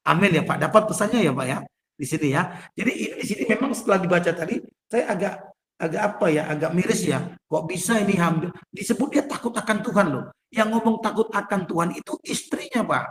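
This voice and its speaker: A man with a high, expressive, fairly bright voice preaches fast in a reverberant space. He is a pastor giving a sermon from home to an online prayer group via video call, conversational and folksy, continually turning to listeners and calling them "Pak."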